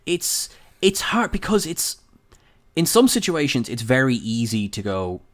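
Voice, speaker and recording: An Irish-accented man co-hosts a casual film-discussion podcast. His pitch sits in the middle range. He talks in an animated way, slipping into imagined conversations and dropping the odd swear word. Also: measured pace. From Ireland. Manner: animated, acts out imagined dialogue, occasional swearing. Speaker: podcast co-host.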